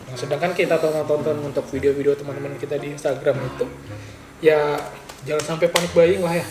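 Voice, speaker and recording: A man's voice: a little high, flat delivery, fast. A man, chatting casually as a podcast host while eating, his mouth sometimes full. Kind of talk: casual chat over food. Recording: echoey room with music behind.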